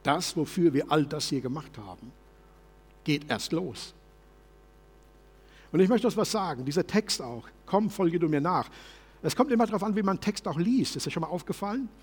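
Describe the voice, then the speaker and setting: A man preaching a sermon as pastor in a church service, passionate and shifting from loud to soft. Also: fairly high pitch, sing-song, normal speed, long pauses, husky, long reverb tail.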